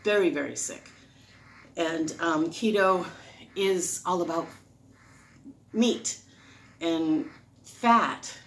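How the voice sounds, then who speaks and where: A woman's voice: lowish voice, very slow, pauses often, fairly bright tone, a little hiss or hum. A woman talking casually and off the cuff, rambling into tangents as she earnestly and emphatically explains her advice. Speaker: vlogger sharing diet advice. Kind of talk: casual unscripted explanatory monologue.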